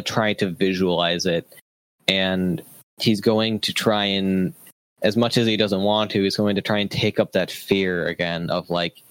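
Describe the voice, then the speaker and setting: A man playing in a tabletop role-playing game, casually voicing and describing his character in halting, repeated phrases. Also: low-pitched, fairly bright tone, no room sound, low-quality recording.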